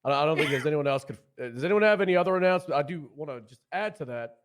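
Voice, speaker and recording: A man's voice: fairly high pitch, lively intonation, racing. A man playing a police officer who gives announcements at a role-play meeting, rambling and restarting as he clarifies.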